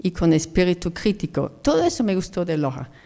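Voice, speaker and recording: A middle-aged British woman from Jersey, an ecologist, is interviewed in a radio studio and speaks earnestly and reflectively. Her fairly low, warm voice has a sing-song lilt and a fairly quick pace, with a long reverb tail on the sound.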